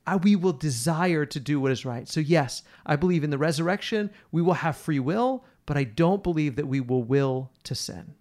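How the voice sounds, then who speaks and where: A man with a fairly high voice talks through Bible passages with a podcast partner. He is earnest and emphatic and leans on repetition to press his point home. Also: lively intonation, moderate pace, hardly any pauses, a little mellow. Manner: earnest, emphatic, repeats words for stress. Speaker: podcast co-host teaching on scripture. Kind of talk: conversational Bible teaching.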